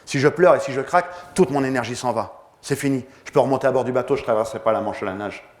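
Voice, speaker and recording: Fast-talking man telling a dramatic story. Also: medium pitch. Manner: vivid, acts out scenes. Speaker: motivational speaker.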